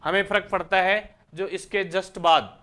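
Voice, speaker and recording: A man's voice: high voice, fairly even intonation, a little slow, sharp tone. A man from India teaching English grammar in a lecture, who keeps asking the class questions and answering them himself. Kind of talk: Hindi lecture explaining English articles.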